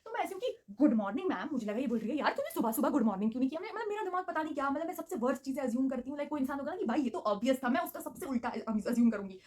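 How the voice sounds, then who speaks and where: A young woman in her late teens telling a animated casual school story, mixing English words into her Hindi and acting out what people said. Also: high voice, racing, hardly any pauses. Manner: animated, mixes English into Hindi, acts out quotes. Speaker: student vlogger telling a story.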